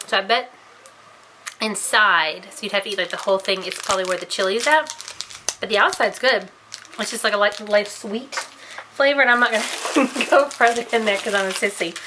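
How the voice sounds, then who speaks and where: A woman's voice: mid-range voice, fairly quick, background noise. A woman vlogger chatting casually while tasting candy on camera, giggly and self-deprecating.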